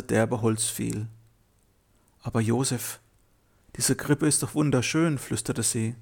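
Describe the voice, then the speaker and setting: Male storyteller, mid-pitched with some fry, calm gentle delivery for a children's tale. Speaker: narrator. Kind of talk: storytelling narration.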